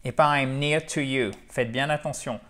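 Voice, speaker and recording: A man teaching English to camera, lively, clapping and slowly repeating words to stress them. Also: mid-range voice. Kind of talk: spoken language lesson to camera.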